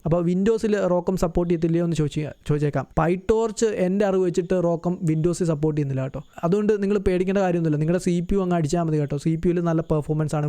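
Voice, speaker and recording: A man walks through a software install step by step, chatty and quick to correct himself. His voice is slightly high, mellow and smooth, and the words tumble out very fast. The recording is dry and close, with no room sound. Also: no echo. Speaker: tutorial host. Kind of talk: screen-recorded software tutorial.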